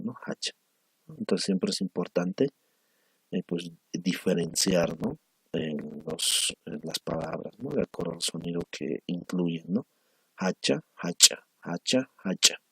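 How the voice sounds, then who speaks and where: Slow, deep, gravelly male teacher. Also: fairly bright tone, no room sound, rough recording. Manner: slow and patient, drilling word pairs with a tag "¿no?". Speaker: Aymara language teacher. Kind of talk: recorded online language lesson.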